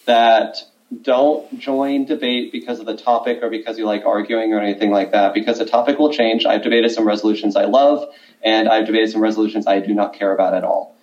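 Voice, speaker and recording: A man with a fairly low voice speaks as a guest on a podcast, giving earnest advice as a debate coach. His talk is full of "like" and "um", and his audio sounds dull and muffled. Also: flat delivery, brisk, darkish tone. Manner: earnest, filler-heavy with "like" and "um". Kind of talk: casual interview guest.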